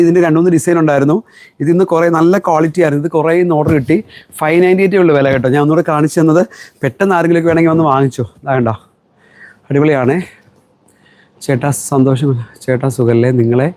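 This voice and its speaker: A man's voice: fairly high pitch, a little mellow, no room sound. A middle-aged man from Kerala, a shop owner chatting through a live sales stream and answering viewer comments. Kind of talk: live-stream product selling.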